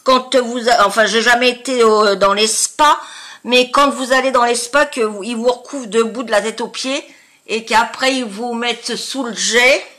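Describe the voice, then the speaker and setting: A woman chatting casually to viewers in a product review, with a congested, honking nasal voice and a halting delivery as she searches for words. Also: fairly high pitch, fairly even intonation, sharp tone. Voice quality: nasal, honking, duck-like voice from blocked sinuses. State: congested with sinusitis. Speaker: beauty vlogger.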